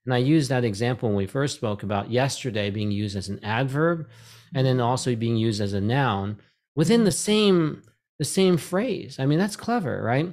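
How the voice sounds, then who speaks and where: A man's voice: medium pitch, lively intonation, normal speed, a little mellow. A middle-aged man hosting a casual video call conversation from a home room, talking in loose, rambling sentences full of "right?" tags and restarts. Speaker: host. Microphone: desk microphone on boom arm.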